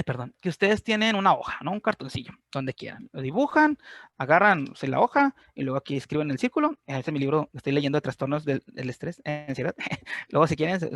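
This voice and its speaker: A man's voice: on the high side, a bit bright, no echo. A man with a Mexican Spanish accent giving an informal class on grief, explaining step by step and often checking that his listeners are following. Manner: chatty, constantly checks in with listeners. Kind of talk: informal online class talk.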